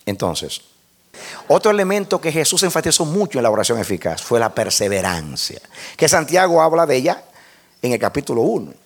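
A man preaching a sermon to a congregation. He repeats and restarts words as he builds a point, asks his listeners questions, and swings from hushed lines to near-shouted ones. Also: medium pitch, very animated, fairly quick.

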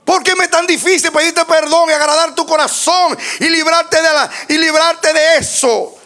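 Male preacher, sermon, high bright voice, slow dramatic delivery, shouts dropping to hushes. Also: fairly even intonation. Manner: dramatic, swings from shouts to hushed near-whispers.

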